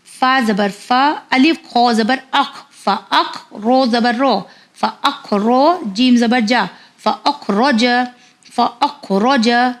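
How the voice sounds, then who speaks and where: High, slow-spelling woman teaching recitation. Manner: spells syllables slowly, repeating and correcting. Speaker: Quran reading teacher.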